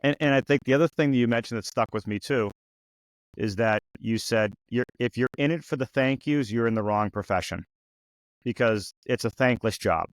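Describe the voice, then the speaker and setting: A man in his fifties hosts a podcast interview in a mid-range voice at a moderate pace, with no room sound but a rough recording. He's relaxed and rambles a little, often restarting sentences and saying "you know."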